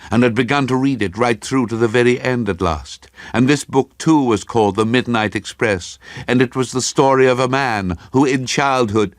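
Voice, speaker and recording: In a dry, studio-quality recording, a medium-pitched man reads a horror story for radio drama. His delivery is grave and suspenseful, with deliberate, dramatic phrasing.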